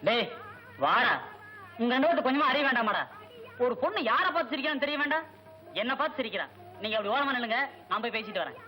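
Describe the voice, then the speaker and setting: A man's voice: extremely high pitch, lively intonation, fast talker, long pauses, pushed and bright, faint music behind, some chatter behind, exaggerated voice, rough recording. An actor playing a young man who pushes his friend around in an old film comedy. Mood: boastful. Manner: pushy, needling. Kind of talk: 1980s film comedy acting.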